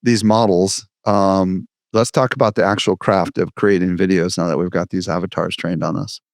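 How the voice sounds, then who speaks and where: Man, podcast host, casual questions, lowish voice, dry sound. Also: steady tone, normal speed, no echo. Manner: casual, conversational. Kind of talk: interview questions.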